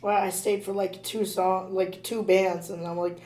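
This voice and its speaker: Woman, hoarse squeaky voice, chatty podcast co-host, giggly, lots of ums and restarts. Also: little pitch movement, a little slow, a little mellow. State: hoarse, squeaky from dust allergy. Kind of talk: casual chat.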